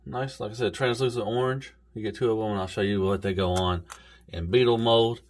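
A man with a Southern US accent talks through a toy review in a relaxed, rambling way. His voice sits a little low, and he drops in a folksy "y'all" and "golly" now and then. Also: fairly quick.

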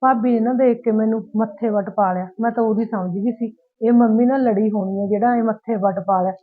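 A woman's voice: on the high side, fairly even intonation, fairly quick, lightly acted. A woman playing a married daughter who visits her parents' home, aggrieved and emotional, with a Punjabi accent. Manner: complaining, hurt and emotional. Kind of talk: village short-film acting. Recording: tinny phone-like sound.

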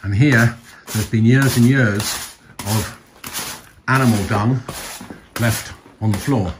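Speaking slowly in a steady, medium-pitched voice, a man in his fifties narrates an informal tour of the old farm he's bringing back to life, with a wry, explanatory touch. The handheld phone is kept at arm's length as he goes from open farmland into a stone barn. Background noise and clicks are clearly audible.

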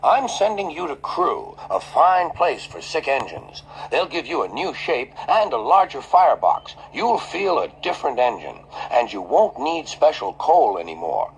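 A man voicing a kindly, brisk railway boss who speaks in a reassuring, fatherly way. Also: on the high side, very animated, a little hiss or hum, rough recording.

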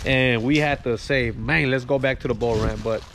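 A man, hosting a fishing channel and calmly talking through how to tie knots step by step. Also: medium pitch, a little hiss or hum. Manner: laid-back, slow, step-by-step instructions. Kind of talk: casual how-to demonstration.

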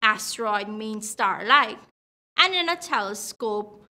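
A woman in her thirties presenting a scripted science lesson for children like a kids show host, with deliberate, emphatic enunciation. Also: mid-range voice, lively intonation, bright, forceful tone. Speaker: science teacher presenting a grade seven video lesson.

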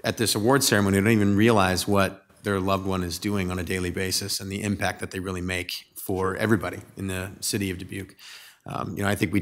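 Council chair, man in his forties, low voice, quick, earnest, stumbles and restarts often. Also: fairly bright tone. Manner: earnest, halting with repeated restarts. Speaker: council member chairing the meeting. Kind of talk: council meeting remarks. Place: council chamber. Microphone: desk mic.

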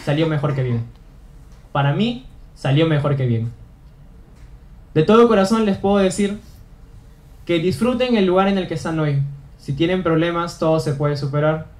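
A man's voice: on the high side, normal speed, pauses often, a little mellow. A young man giving an earnest motivational talk on stage, repeating phrases for emphasis. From Peru. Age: young adult. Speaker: student speaker. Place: auditorium stage.

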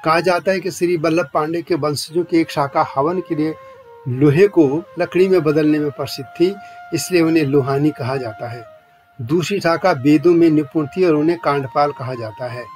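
A male journalist giving a scripted documentary narration, reading out long lists of names and places in a measured way. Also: a little high, darkish tone, soft background music. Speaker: journalist narrating a channel's history series.

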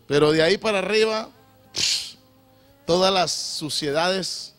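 A middle-aged man preaching a sermon, swinging from loud shouted appeals to low, confessional testimony. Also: measured pace, soft background music.

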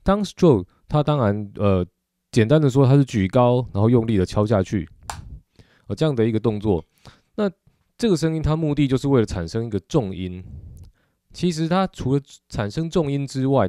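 A man's voice: mid-range voice, mellow, dry recording, clean studio sound. A middle-aged man with a Taiwanese Mandarin accent, explaining drumming technique patiently in a video lesson, with frequent filler particles. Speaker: drum teacher.

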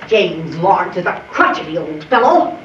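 A woman's voice: lowish voice, very animated, moderate pace. A woman playing a haughty, wealthy old aunt in a stage play, scolding and admonishing with emphatic delivery. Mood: scornful. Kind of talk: live stage play acting. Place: theatre in the round, far camera, audience around. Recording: muffled, noisy camcorder in echoey theatre, distant.

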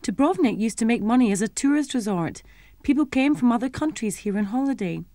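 A young adult woman presents and narrates a schools history programme, explaining things clearly and simply for children. Her voice is a little high and mellow, animated and brisk, with no room sound.

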